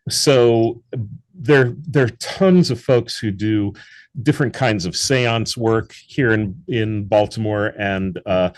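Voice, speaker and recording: A man with a fairly low voice speaks slowly as an interview guest on a casual call. He's a theatre founder and actor, discussing his theatre work earnestly in long, winding sentences.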